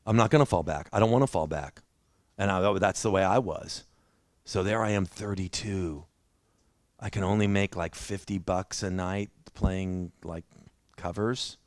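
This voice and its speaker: A man's voice: deep voice, dry recording. A man preaching a sermon in a church, telling his own story in a conversational, self-deprecating way. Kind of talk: sermon with personal testimony.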